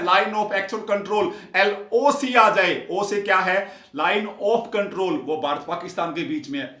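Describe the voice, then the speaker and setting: A man's voice: sits high, fairly bright tone. A man teaching exam coaching as a blackboard lecture, emphatic and repeating key points. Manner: repetitive and emphatic. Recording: echoey room, mic at a distance.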